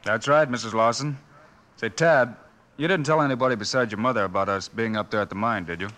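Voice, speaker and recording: Man playing bright, commanding hero Wild Bill Hickok. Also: mid-range voice, fast talker, close to an everyday voice. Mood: calm, polite. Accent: American. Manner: clipped, commanding. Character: decisive, level-headed heroic male Wild West lawman. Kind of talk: 1950s radio western acting. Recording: noisy old-time radio recording.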